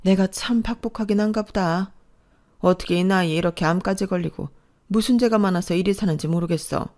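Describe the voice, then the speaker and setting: A woman's voice: medium pitch, fairly quick, darkish tone, lightly acted. A woman voicing a bitter, weary middle-aged mother-in-law who talks in a sorrowful, complaining way. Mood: lamenting.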